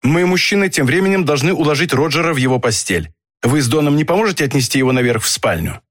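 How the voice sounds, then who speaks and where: Man voicing a brisk impatient doctor, commanding, dry close sound. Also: on the high side, expressive, no room sound. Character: middle-aged male doctor, brusque and commanding.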